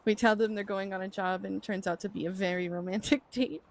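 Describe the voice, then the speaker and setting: Creaky-voiced woman chatting in role-play. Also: medium pitch, steady tone, fast, slight background noise. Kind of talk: in-character role-play chat.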